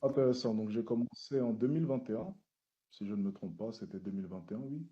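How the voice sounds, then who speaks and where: A man with a very dark, mellow voice gives formal, measured answers to questions. He repeats key phrases as he speaks. The recording sounds dull and lo-fi. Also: on the low side. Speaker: social media content creator testifying at a hearing.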